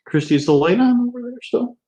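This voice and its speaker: A man's voice: very high-pitched, lively intonation, quick pace, dark tone, poor audio. A man on an investigation team, chatting casually on a live stream as he gives directions and relays viewer questions.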